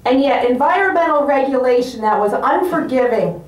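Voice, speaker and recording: A woman giving a rousing political rally speech, speaking deliberately in short, emphatic phrases. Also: high voice, lively intonation. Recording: roomy echo, distant microphone.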